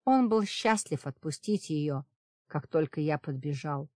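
A woman reading a fantasy audiobook as first-person narration, in a steady dramatic storytelling manner. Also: deep voice, measured pace, dry recording, studio quality. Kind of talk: scripted narration.

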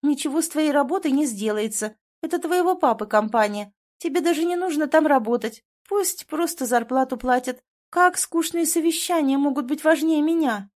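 Shrill capricious young woman done by a woman reader, whiny, pouty, high-pitched, audiobook character. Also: normal speed, few pauses, a little mellow, close to an everyday voice. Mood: pouty, wheedling.

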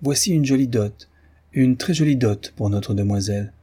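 A man's voice: medium pitch, moderate pace, warm tone, slightly rough, close to an everyday voice. A man putting on a sly old woman matchmaker. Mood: wheedling. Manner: wheedling, pleading.

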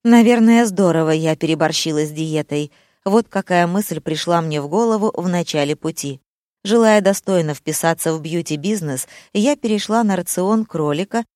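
A woman's voice: on the low side, a little mellow, dry recording, clean studio sound. A woman narrating an audiobook in a wry, ironic first-person voice.

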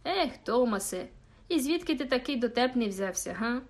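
A woman's voice: a little high, animated, normal speed. A woman voicing a stern old grandfather who speaks in a reproving way.

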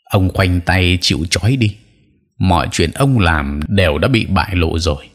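Audio story role: a man playing a composed exorcist master, deep and steady, coolly mocking. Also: normal speed. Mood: cool, stern. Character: calm, stern middle-aged male master exorcist.

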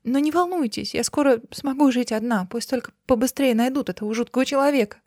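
A woman voicing a frail young woman who speaks through tears, high and pleading. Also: fast, a little mellow, no echo, clean studio sound. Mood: grateful. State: crying.

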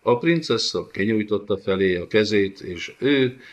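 A man narrating a fantasy audiobook in a measured storytelling manner. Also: lowish voice, animated. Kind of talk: scripted narration.

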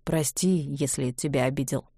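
A woman voicing a tender older man, a powerful inquisitor, who speaks softly and gently. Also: rumbling low, moderate pace, no echo, clean studio sound, pitched below the performer's own voice. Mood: quiet. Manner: soft-spoken, gentle.

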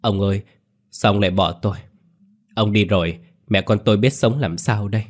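Man reading as a sobbing widow, lamenting, deep voice. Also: moderate pace, lightly acted. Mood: grieving. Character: widowed middle-aged mother, sobbing.

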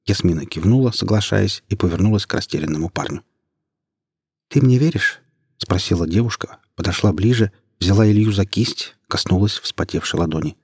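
Husky, low-voiced male narrator. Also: a little fast, a little mellow, no echo, studio quality. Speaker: audiobook narrator. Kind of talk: scripted fantasy narration.

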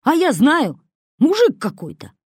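A woman voicing a crude, hot-tempered, dim-witted male crook who shouts in exasperated slang. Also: high-pitched, wildly swooping pitch, measured pace, dry recording, studio quality, pitched above the performer's own voice, heavily acted. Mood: yelling.

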